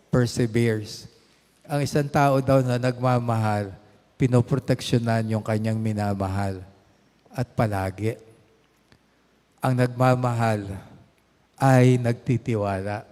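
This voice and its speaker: A man's voice: mid-range voice, mellow. An older man preaching a sermon as pastor, mixing two languages and rising to emphatic stresses on key words. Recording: echoey hall reverb.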